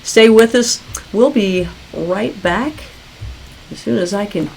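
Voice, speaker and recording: Female talk host, conversational and probing, mid pitch, close to the mic. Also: slow pace, vocal fry, a little mellow, a little hiss or hum. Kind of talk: live talk show interview.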